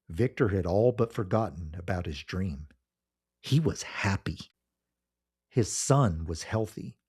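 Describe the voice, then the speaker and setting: A man narrating a scripted horror story in a measured, solemn storytelling manner. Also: low-pitched, mellow, husky.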